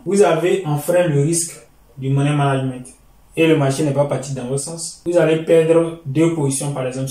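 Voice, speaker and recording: A man's voice: on the high side, a little mellow. A man teaching trading to his students in a lecture, explaining step by step and often repeating himself. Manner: explanatory, repeats phrases, addresses "chers amis". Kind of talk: lecture over charts. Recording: roomy, distant mic.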